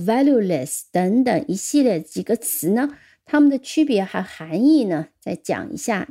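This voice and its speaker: A woman teaching English words in a recorded lesson, explaining patiently and spelling words slowly letter by letter on English. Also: mid-range voice, mellow.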